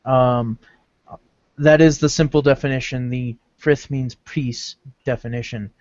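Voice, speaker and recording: A man co-hosting a casual podcast, explaining ideas in a measured, lecturing way, on a dull lo-fi recording. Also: mid-range voice, fairly even intonation, a little mellow, dry recording. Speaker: podcast co-host. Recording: dull lo-fi, dry.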